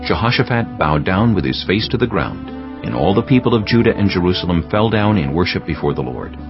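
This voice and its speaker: A man reading scripture as an audiobook narrator in a solemn, measured, scripted style. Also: deep voice, sing-song, muffled recording, music in the background.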